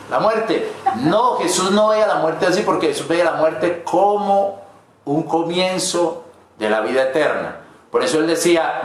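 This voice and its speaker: A man's voice: a little high, a bit bright. A man pastor preaching a sermon in a rambling, folksy way with asides to the congregation. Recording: very echoey church hall with faint noise.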